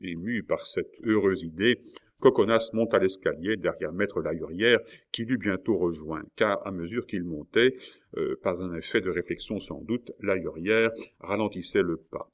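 A man narrating a novel as an audiobook reader, in a steady, measured way. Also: low-pitched.

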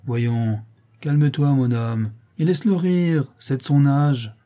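A man's voice: mid-range voice, slow, dark tone, voice pushed up, natural voice. A man reading aloud and voicing a spiteful, mocking one-eyed old woman crook. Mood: wheedling. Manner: mocking, wheedling, sneering.

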